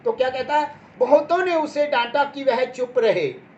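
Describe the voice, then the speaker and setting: A woman's voice: sits high, expressive, measured pace, a little mellow. A woman preaching a Bible sermon, repeating her points with emphasis and checking in with her listeners. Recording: dull lo-fi sound with faint background noise.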